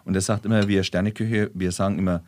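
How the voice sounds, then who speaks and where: A man talking as a guest in a casual podcast chat, telling stories in lively bursts. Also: deep voice, quick pace, no echo, studio quality. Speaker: star chef guest.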